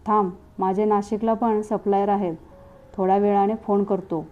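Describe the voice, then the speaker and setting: A woman's voice: mid-range voice, little pitch movement, moderate pace, narrow, tinny audio, natural voice. A woman reading the lines of a blunt male drug-dealer friend in a story, in her own plain voice. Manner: blunt, crude.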